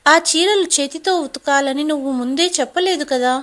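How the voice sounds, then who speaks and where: Lady voicing a meek 18 yr old girl, teary and pleading, high pitched. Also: normal speed, a bit bright. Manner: pleading, tearful. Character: meek 18-year-old girl, hurt and tearful.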